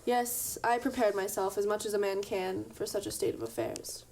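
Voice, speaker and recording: A woman voicing a man woken from frozen sleep, asking halting, anxious questions. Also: medium pitch, fairly even intonation, creaky, darkish tone, recorded from a distance, a little hiss or hum, lightly acted. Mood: bewildered. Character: revived frozen man, bewildered and reasonable.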